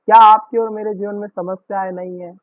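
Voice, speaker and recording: A man preaching a sermon as pastor, earnest and repetitive, leaning slowly on key words. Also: high-pitched, little pitch movement, no room sound. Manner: earnest, repetitive preaching with slow emphatic stresses. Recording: tinny phone-like dry recording.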